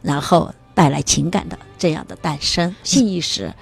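A woman's voice: low voice, normal speed, gravelly, slightly rough, soft background music. A woman speaking as a parenting expert, earnestly explaining teen emotional growth and addressing parents directly. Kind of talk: radio-style studio talk.

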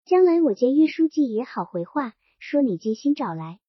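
Woman reading as a calm, insistent male official. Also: high-pitched, moderate pace, breathy edge, no room sound, full character voice. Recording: dull, dry lo-fi recording.

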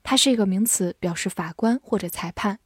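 A woman teaching English vocabulary, spelling each word out and reading example sentences slowly. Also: medium pitch, husky, no echo, clean studio sound. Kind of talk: vocabulary lesson.

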